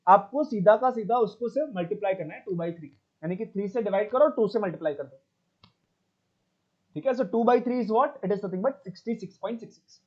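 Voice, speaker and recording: A man's voice: high voice, expressive, normal speed, a little mellow, dull audio. A man teaching math in an online class, switching between Hindi and English and often checking in with his students.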